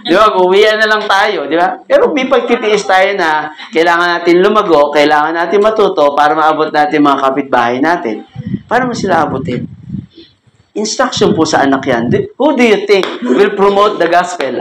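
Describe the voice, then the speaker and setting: Joking pastor in an echoey room. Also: male voice, high-pitched, lively intonation, normal speed, a bit bright. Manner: conversational, joking, laughs often, asks the group questions. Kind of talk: cell group Bible lesson. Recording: echoey room with faint ambient noise.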